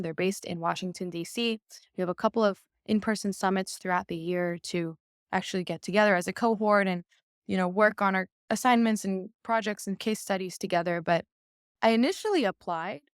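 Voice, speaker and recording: On a relaxed podcast, a young Persian-speaking violinist chats openly as the interview guest, leaning on frequent fillers. Her voice is medium-pitched, captured in studio quality with no echo.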